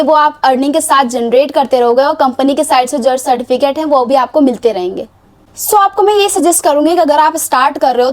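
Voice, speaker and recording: A young woman casually pitching online course packages, persuasive and repetitive, mixing English words into her Hindi. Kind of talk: casual sales pitch to camera.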